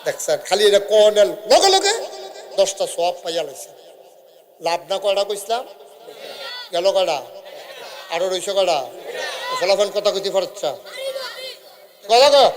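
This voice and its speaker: High-voiced chanting village preacher. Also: male voice, background noise. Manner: sing-song chanting, quizzing the crowd, joking asides. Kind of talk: Bengali waz sermon.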